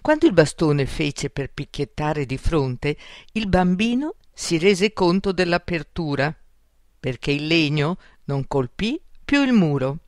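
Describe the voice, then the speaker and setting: A woman's voice: deep voice, very animated, unhurried, darkish tone, no room sound. A woman narrating a children's fairy tale audiobook in a careful storytelling manner, recorded close in a studio.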